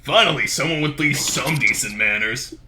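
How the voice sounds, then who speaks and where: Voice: medium pitch, brisk, a crowd in the background, natural voice. A game master voicing a rude, smug goblin prison guard who talks in a blunt, snippy way.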